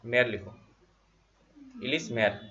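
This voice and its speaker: A man teaching a classroom geography lesson, dictating notes slowly and quizzing his students with repeated questions. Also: mid-range voice, pushed and bright. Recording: dull lo-fi classroom recording.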